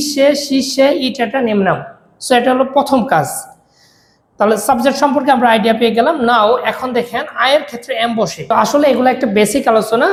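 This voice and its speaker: A woman, teaching a spoken English lesson and repeating drill phrases slowly. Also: on the high side. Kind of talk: explaining English grammar lesson. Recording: echoey room.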